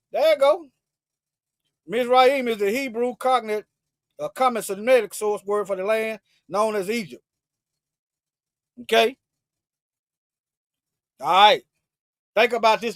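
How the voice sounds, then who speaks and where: A man preaching fervently in a livestream, repeating himself and restarting phrases, swinging between loud emphatic bursts and low asides. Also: no echo, studio quality. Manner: fervent, repetitive, with frequent restarts. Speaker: online Bible teacher.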